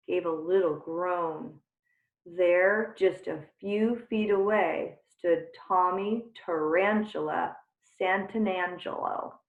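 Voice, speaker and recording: A woman reading a children's chapter book aloud with unhurried, expressive storytelling. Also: on the low side. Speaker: reader. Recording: tinny phone-like sound in a roomy space.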